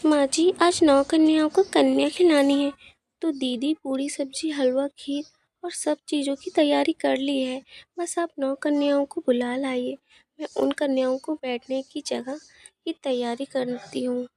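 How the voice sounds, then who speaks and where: A woman's voice: high voice, fairly even intonation, unhurried, a little mellow. A woman voicing a polite, devout young daughter-in-law in a cartoon story. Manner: polite, pleading.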